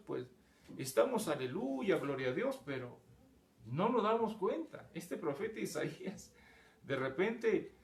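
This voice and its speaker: A man's voice: a little high, vocal fry, echoey room. A male pastor preaching a sermon, often repeating words and calling his listeners brothers. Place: church.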